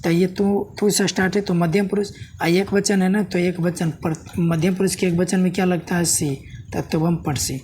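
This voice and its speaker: A man's voice: high-pitched, little pitch movement, moderate pace, darkish tone, slight background noise. A man teaches a Sanskrit grammar lesson step by step. He keeps asking the viewer questions and checking "है ना?". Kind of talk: classroom-style video lesson.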